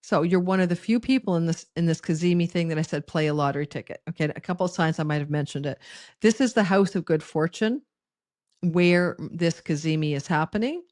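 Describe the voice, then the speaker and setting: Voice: mid-range voice, fairly quick, a little mellow, no echo, clean studio sound. An astrologer giving a forecast monologue in a rambling, conversational way, with frequent restarts and asides.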